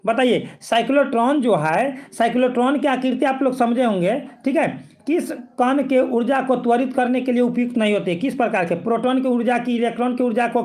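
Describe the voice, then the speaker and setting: High-voiced man coaching exam physics. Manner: repetitive, coaxing, keeps checking students follow. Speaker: physics teacher. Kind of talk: exam-prep lesson.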